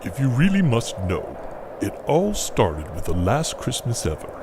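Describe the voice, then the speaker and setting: A man's voice: medium pitch, huge pitch swings, unhurried, background noise. A man playing a fearful, weary Santa in an audio play, with a brooding, dramatic delivery. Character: troubled, fearful, weary male Santa Claus.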